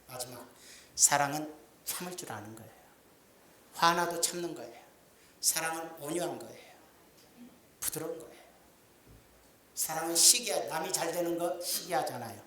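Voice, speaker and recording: A man's voice: fairly high pitch, a little fast, long pauses, fairly bright tone. A middle-aged male pastor preaching a sermon in a folksy, joking way, acting out little everyday scenes. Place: church sanctuary. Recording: echoey church sound.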